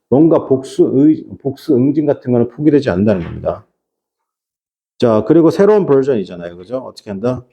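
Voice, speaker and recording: Middle-aged male teacher, classroom lecture, rhetorical-question habit, mellow tone. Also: medium pitch. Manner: repeats rhetorical questions to students. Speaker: high school English teacher.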